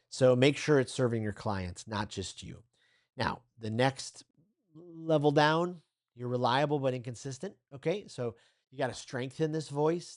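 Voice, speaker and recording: A man's voice: mid-range voice, darkish tone. Upbeat man coaching a training course. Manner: upbeat, encouraging, speaks straight to the viewer; loose and conversational, with fillers and restarts. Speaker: communication coach, course instructor. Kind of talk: recorded training lesson.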